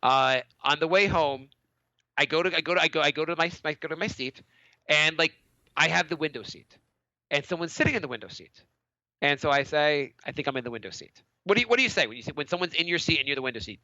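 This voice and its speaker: Telling a story on a podcast he co-hosts, this man sounds a little congested from a cold and livens things up by voicing other people's lines louder. He talks fast with a slightly high voice, and the lo-fi recording has no echo.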